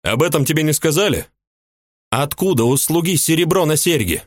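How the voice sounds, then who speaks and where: A man voicing an angry, jealous young widow who shrieks and scolds, raising his voice high for her in an audiobook. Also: lively intonation, a little fast, no room sound, studio quality. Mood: accusing. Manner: shrieking, scolding, tearful reproach. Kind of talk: audiobook character voice.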